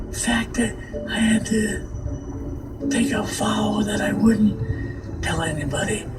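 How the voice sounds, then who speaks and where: An elderly man with a weak, whispery voice, recounting his experiences haltingly in an interview. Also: high-pitched. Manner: halting, with long pauses. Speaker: interviewee recounting past government service. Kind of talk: slow personal recollection in an interview. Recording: roomy, distant mic under loud music.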